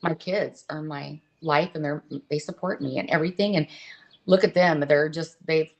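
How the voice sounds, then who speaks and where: A middle-aged woman with a notably low voice, speaking as an interview guest. She talks in an open, earnest, halting way, breaking off and restarting her sentences. Her delivery is candid and conversational. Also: fairly even intonation, muffled recording.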